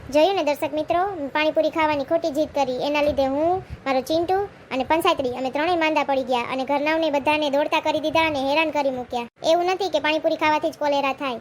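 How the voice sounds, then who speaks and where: A woman's voice: high voice, quick pace, hardly any pauses, a little hiss or hum. A woman, playing a feisty, talkative village woman in a comedy skit and pleading her case as she chats. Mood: chatty. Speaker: comic lead and narrator.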